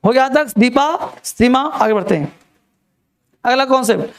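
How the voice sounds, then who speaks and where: A man's voice: very high voice, lively intonation, a little slow, clear, resonant tone. A man teaching a spelling lesson to a class, repeating key words and quizzing his students. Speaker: English teacher.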